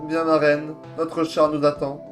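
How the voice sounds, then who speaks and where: A man's voice: a little high, completely flat delivery, measured pace, music in the background, natural voice. A man voicing a melodramatic, lovesick young space captain who pleads with his beloved.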